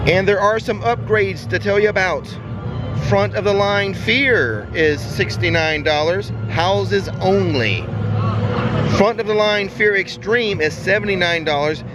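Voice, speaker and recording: High-pitched man hosting an event vlog. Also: background noise. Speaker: vlog host. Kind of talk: upbeat event vlog narration.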